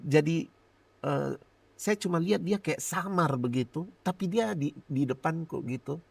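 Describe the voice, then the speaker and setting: A middle-aged male pastor giving a lively personal testimony in a podcast interview, laughing often and acting out his own prayers. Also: on the high side, moderate pace, creaky, husky, no room sound.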